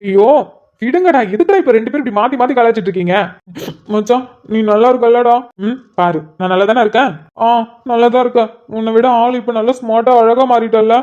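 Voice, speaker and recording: A woman's voice: on the high side, fast talker, a little mellow, natural voice. A woman voicing a sentimental young man who is emotional and pleading, in a cartoon. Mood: fond. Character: tearful sentimental young man meeting an old friend. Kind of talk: cartoon voice acting. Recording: slightly muffled lo-fi audio.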